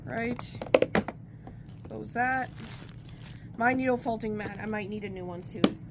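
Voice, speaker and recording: A crafting vlogger with a fairly high voice and a stuffy nose from a cold chats casually while working on a craft at home. She speaks unhurriedly, rambling and interrupting herself, with heavy background noise.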